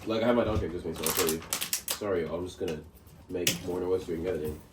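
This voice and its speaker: Deep-voiced man rambling in a roomy podcast. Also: fast, far from the mic. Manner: rambling, laughs often, many fillers and restarts. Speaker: podcast co-host. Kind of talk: casual chat. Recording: roomy sound from off-mic, faint noise.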